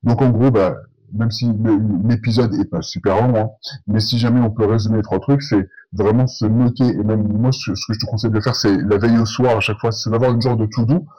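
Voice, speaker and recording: A man's voice: fairly low pitch, steady tone, a little fast, warm tone, muffled recording. A man talking through a voice changer, hosting his own podcast in a casual, hesitant way with many fillers. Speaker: podcast host. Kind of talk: casual solo podcast talk.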